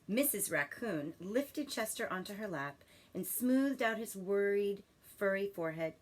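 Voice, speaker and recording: A woman teacher reading a children's story expressively and pausing to ask questions in a deliberate, instructive manner. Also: medium pitch, expressive.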